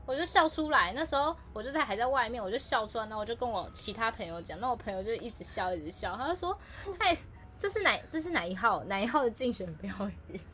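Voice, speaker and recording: A woman with a Taiwanese Mandarin accent, co-hosting a podcast in casual chat, telling animated stories and acting out quotes. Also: on the high side, fast talker, a little hiss or hum. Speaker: podcast co-host.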